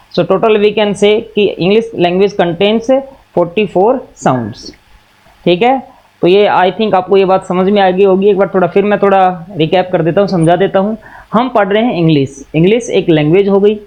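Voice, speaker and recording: A man's voice: sits high, darkish tone, lo-fi sound. A male teacher with an Indian accent explaining a lesson, asking questions and answering them himself, mixing Hindi and English. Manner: repeats and recaps patiently. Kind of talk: classroom lesson.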